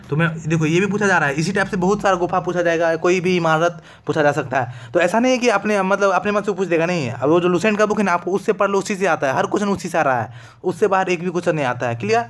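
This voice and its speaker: A man's voice: sits high, a bit bright. A man teaching an online exam-prep lesson in a casual, chatty way, often checking whether his students follow. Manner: talkative, keeps asking "clear?".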